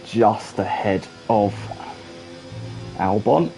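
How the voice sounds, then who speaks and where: A man's voice: on the low side, animated, drawn-out words, creaky, music in the background, poor audio. A man giving casual, chatty commentary while streaming a racing game, with dry asides.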